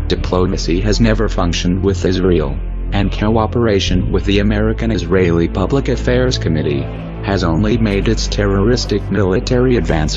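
Man, disguised deepened voice, very low, solemn measured delivery, muffled lo-fi sound, faint music behind. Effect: disguised, digitally deepened voice. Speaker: anonymous spokesperson. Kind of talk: scripted statement.

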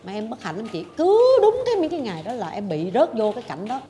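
A woman's voice: fairly high pitch, wildly swooping pitch, fast, mellow. A woman, hosting a talk show and dramatically telling a personal story, acting out her own past thoughts. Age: 40s. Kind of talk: confessional storytelling chat.

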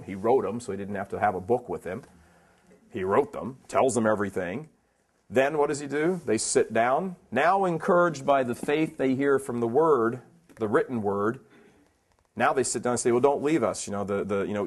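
A man giving a preaching talk at a conference, emphatic and plainspoken, firing rhetorical questions at his listeners. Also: mid-range voice. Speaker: conference speaker.

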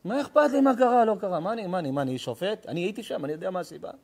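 A middle-aged rabbi preaching a sermon. His voice sits a little high for a man. He rises into loud, emphatic declaiming and drops into hushed, intense storytelling. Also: expressive.

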